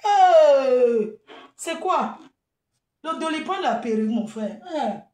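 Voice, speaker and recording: High-voiced woman ranting in an echoey room. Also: animated, takes it slowly, darkish tone, far from the mic. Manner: combative, scolding her critics directly; chatty and laughing, calls listeners "maman". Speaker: event planner and vendor. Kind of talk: unscripted live video monologue.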